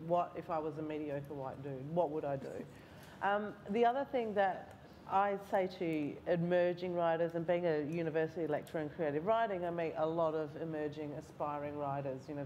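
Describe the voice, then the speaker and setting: This woman in her forties, a writing lecturer with an Australian accent whose first language is Mauritian Creole or Italian, shares candid stories with self-deprecating humour on a festival panel, seated on stage in a large hall. Her voice is on the low side and darkish, and the rough recording carries slight background noise.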